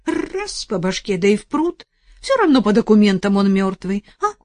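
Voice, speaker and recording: A woman's voice: mid-range voice, very animated, moderate pace, no room sound, pitched above the performer's own voice, close to an everyday voice. A woman voicing a tearful old village wife. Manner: tearful, pleading, shouting at times.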